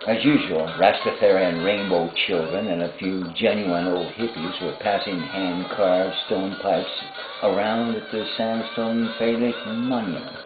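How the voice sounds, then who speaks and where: A man reading aloud from his own novel at an unhurried pace, pausing often and adding small asides to himself. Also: low-pitched, steady tone. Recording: tinny phone-like sound in an echoey room. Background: music.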